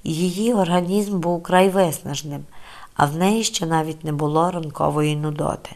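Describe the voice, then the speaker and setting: Calm woman reading an audiobook. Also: deep voice. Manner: calm, measured storytelling. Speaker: audiobook narrator. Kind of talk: scripted literary narration.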